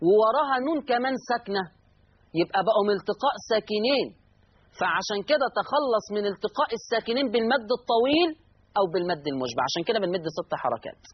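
Egyptian male recitation teacher, rapid lesson delivery, repeats rules, slow recited words, husky tone. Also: very high-pitched, lo-fi sound. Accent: Egyptian Arabic. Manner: repeats each rule, shifting into slow drawn-out recitation of verse words. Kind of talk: explanatory lesson on Quran reading rules.

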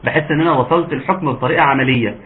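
A man with an Egyptian accent teaching a tajweed lesson, patient and encouraging, sometimes slowing into drawn-out recitation. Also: mid-range voice. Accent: Egyptian Arabic. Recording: narrow phone-like audio, faint hiss.

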